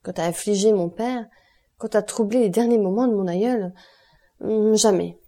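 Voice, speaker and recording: Dutiful young heroine voiced by a woman reader, distressed and pleading, warm mellow voice. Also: mid-range voice, normal speed, lightly acted. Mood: anguished. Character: young noblewoman, anguished, dutiful, tearful. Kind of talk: audiobook character reading.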